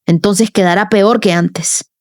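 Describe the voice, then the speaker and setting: Stern, blunt male general , read by a woman: firm and steady, close dry recording. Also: mid-range voice, unhurried, dry recording, natural voice. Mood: reproachful.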